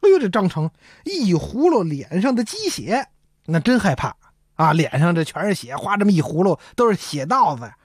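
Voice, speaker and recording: A woman telling a traditional story in a lively, rhythmic way. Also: fairly low pitch, moderate pace, slightly rough, no echo, clean studio sound.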